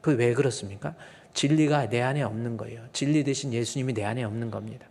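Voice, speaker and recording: Gravelly male pastor preaching in a hall. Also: mid-range voice, quick pace. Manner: emphatic preaching, acts out quoted lines with sudden loud outbursts. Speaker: senior pastor. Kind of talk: sermon. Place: church sanctuary. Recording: long church hall reverb.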